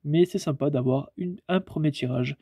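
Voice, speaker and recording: A young man with a French accent presenting a coin in a relaxed, hesitant way with many fillers. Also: a little high, moderate pace, slightly rough, dry recording, clean studio sound. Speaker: coin collector YouTuber.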